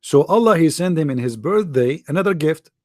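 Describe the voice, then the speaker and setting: A man's voice: fairly high pitch, animated, brisk, dry recording. Sarcastic Arabic-accented man, dry close sound. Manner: sarcastic, mocking. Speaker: religious debater. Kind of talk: online debate talk.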